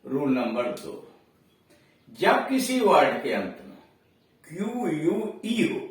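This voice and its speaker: A man teaching a grammar lesson, explaining slowly, repeating each rule and spelling words out letter by letter. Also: a little high, distant mic. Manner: checks understanding with quick questions. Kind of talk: classroom lesson. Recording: echoey room, voice from away from the mic.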